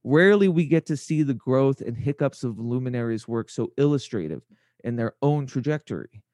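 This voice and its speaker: A man's voice: medium pitch, lively intonation, normal speed, darkish tone, no room sound. A man hosting a podcast, reading a scripted introduction in a theatrical, florid and ornate way. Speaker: podcast host.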